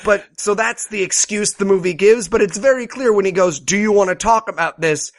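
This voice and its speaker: A man's voice: high-pitched, brisk. A man co-hosting a podcast, retelling movie scenes with crude, mocking jokes in casual talk. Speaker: podcast co-host. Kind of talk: casual comedic movie riff.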